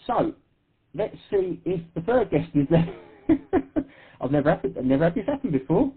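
A man's voice: high voice, sing-song, moderate pace, slightly rough. A man with an Essex accent hosting an amateur radio net, chatty and self-deprecating, laughing easily as he calls in guests. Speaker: net control host. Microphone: radio transceiver. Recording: tinny radio transmission.

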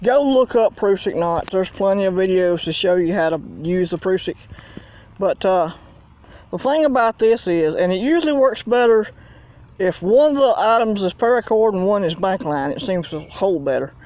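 A man's voice: high voice, expressive, normal speed, a little mellow. A middle-aged man, casually demonstrating knots outdoors in a folksy, rambling way while filming on a handheld phone. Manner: folksy, rambling, talks while working with his hands. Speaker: outdoors vlogger. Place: outdoors in a yard. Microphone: handheld phone camera. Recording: dull lo-fi phone audio, faint outdoor noise.

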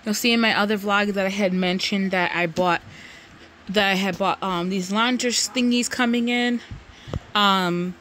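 A woman's voice: medium pitch, fairly even intonation, moderate pace, fairly bright tone, a little hiss or hum. A young woman chatting casually in a home vlog, a little out of breath, with lots of ums and restarts. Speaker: vlogger.

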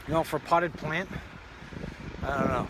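A man's voice: fairly high pitch, steady tone, a little slow, noisy background. A man hosting a casual walk-and-talk vlog outdoors, chatting and joking as he walks around a pond on his property. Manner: chatty, rambling, joking asides. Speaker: show host.

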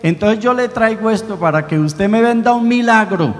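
A man's voice: long reverb tail, natural voice. A man with a Santander Colombian accent voicing a small boy who begs for a miracle for his sick mother, in a sermon story. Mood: pleading. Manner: earnest, high and drawn-out pleading.

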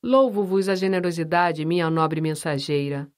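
Woman doing a harsh, scornful patriarch, lower and dry, orders not requests. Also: normal speed, natural voice. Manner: sarcastic, dry and commanding. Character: cold, stern older nobleman father.

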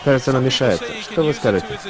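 A man's voice: mid-range voice, expressive, very fast, crowd noise. A man doing translated voice-over commentary on a fight broadcast, speaking as a commentator. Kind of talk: live translated sports commentary.

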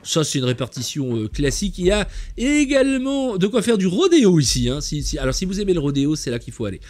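A man's voice: high voice, very animated, fast, darkish tone. A man hosting a gameplay tour, chatting in a jokey, enthusiastic way. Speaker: game channel host. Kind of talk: playful gameplay tour commentary.

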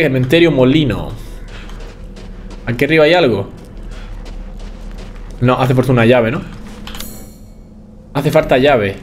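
A man with a Spain Spanish accent commentates his game playthrough in a loose, chatty way, swearing offhandedly and talking straight to his viewers. His voice sits a little on the high side, and there is a faint hum of background noise. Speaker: gaming YouTuber. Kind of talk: let's play commentary.

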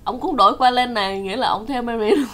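A woman's voice: a little high, quick pace, fairly bright tone. Chatty woman telling a story. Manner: chatty, laughing often, acts out quotes. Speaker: vlogger. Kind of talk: casual storytelling to viewers. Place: home in Canada.

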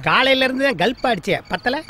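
An actor playing a wisecracking, drunken sewer worker in a film comedy. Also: male voice, extremely high pitch, lively intonation, bright, forceful tone, slight background noise, full character voice. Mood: mocking. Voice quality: dry, quick wisecracks. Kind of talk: Tamil film comedy acting. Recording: film soundtrack with music behind.

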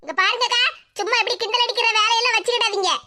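A woman voicing a stubborn, quick-tongued young daughter-in-law in a cartoon, with a Tirunelveli Tamil accent and sharp retorts. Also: extremely high pitch, steady tone. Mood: irritated. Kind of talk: cartoon comedy voice acting. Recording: loud background hiss.

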